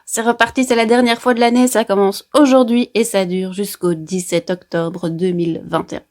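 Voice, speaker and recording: A woman's voice: medium pitch, fairly even intonation, moderate pace, darkish tone. A woman with a Brussels Belgian accent chats casually and playfully to viewers, explaining astrology like a therapist, with colloquial asides. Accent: Brussels Belgian French. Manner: playful, chatty, with colloquial asides and sound effects.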